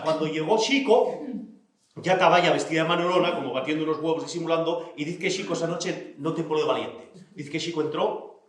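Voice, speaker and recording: A man telling a traditional folk tale in a lively, animated way, acting out the characters, in a very echoey room. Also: fairly high pitch. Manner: lively, acts out characters, laughs along. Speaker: storyteller.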